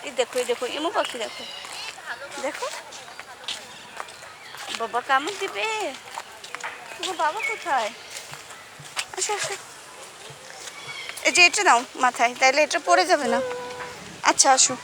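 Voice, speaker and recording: A mother speaks in a high, gentle voice, coaxing her small child and pointing things out. She is recorded outdoors at a zoo, with clear background noise and animal sounds around her. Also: animated, moderate pace, pauses often. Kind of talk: casual vlog narration. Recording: noisy outdoor ambience.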